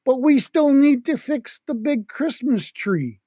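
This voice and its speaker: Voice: sits high, expressive, unhurried, mellow, no room sound, clean studio sound, voice pushed up. A narrator voicing a kindly, hearty old Santa Claus in a children's storybook tale. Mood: encouraging.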